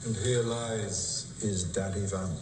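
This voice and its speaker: A man's voice: fairly low pitch, fairly even intonation, takes it slowly, a little mellow, slight background noise. An actor playing a mocking male vampire stage showman with a theatrical, taunting delivery. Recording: roomy TV clip with music.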